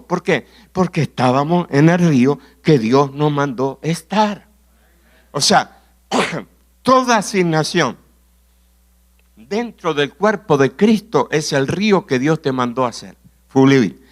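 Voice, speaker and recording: A man from Argentina with an Argentine accent preaching a sermon, telling stories, asking rhetorical questions and often clearing his throat. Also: on the high side. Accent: Argentine Spanish. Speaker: pastor.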